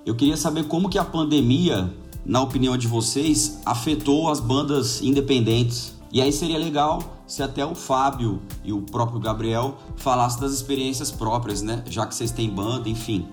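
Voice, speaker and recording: A man's voice: medium pitch, moderate pace, faint music behind. A man with a Brazilian accent, hosting a podcast in a casual, conversational style. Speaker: podcast host.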